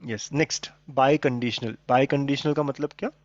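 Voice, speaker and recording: A man's voice: medium pitch, steady tone, moderate pace, dry recording. A man teaching maths in a live online class, often checking in with his students. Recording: dull lo-fi sound, dry.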